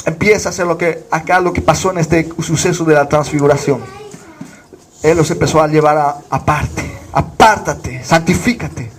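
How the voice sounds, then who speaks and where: A man's voice: a little high, flat delivery, normal speed, a little hiss or hum. A man from Bolivia preaching a sermon as pastor, fervent, with rhetorical questions.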